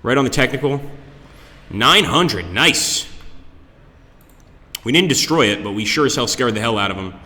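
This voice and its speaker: A man gives casual live commentary on a game he is playing, addressing his viewers as he goes. His voice is bright and forceful at a middling pitch. It rings with a long, cave-like echo from the conference room he streams in. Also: animated, normal speed, pauses often. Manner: talks to viewers, greets them by name.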